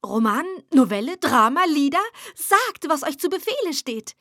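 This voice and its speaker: A woman's voice: fairly high pitch, lively intonation, unhurried, dry recording, studio quality. A woman playing a ranting, embittered poet. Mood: eager welcome. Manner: loud, declamatory and agitated.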